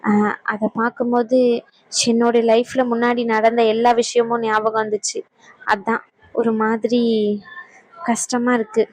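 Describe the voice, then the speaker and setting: An actress playing a troubled young married woman who speaks softly and earnestly. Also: on the high side, dry recording, lightly acted, rough recording. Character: sad young married woman, hurt and doubting. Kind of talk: family drama acting.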